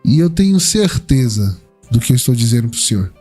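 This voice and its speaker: A man's voice: mid-range voice, big pitch swings, a little fast, dark tone, breathy edge, faint music behind. A man with a Brazilian Portuguese accent hosting a casual church podcast interview, answering the guest with short church affirmations. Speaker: podcast host.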